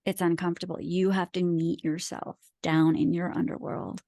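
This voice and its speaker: Her voice is lowish and dark, her delivery flat, her speed normal, captured in studio quality without echo. She is a Pakistani author guesting on a reflective interview, English her second language, and she comes across as earnest, emphatic and philosophical.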